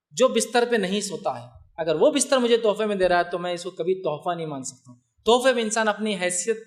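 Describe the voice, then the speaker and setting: A man lecturing an audience on a religious topic, lively, with rhetorical questions and teasing humor. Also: high-pitched.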